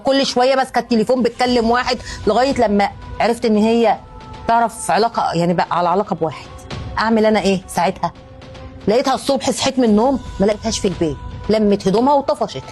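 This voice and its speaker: A woman playing a scheming middle-aged mother-in-law who talks smoothly and dismissively. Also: fairly high pitch, very fast, darkish tone, faint music behind, natural voice.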